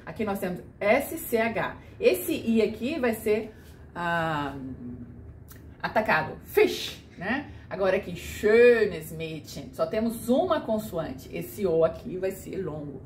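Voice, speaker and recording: A woman teaching German pronunciation as a patient teacher, demonstrating each sound slowly. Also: medium pitch, expressive. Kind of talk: pronunciation lesson. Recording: echoey room with faint noise.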